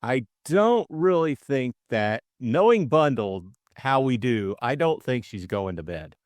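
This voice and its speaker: With no echo in the recording, a middle-aged man narrates a classic novel like a storybook and joins a casual book discussion as co-host. His mid-range voice is animated, his pace a little slow.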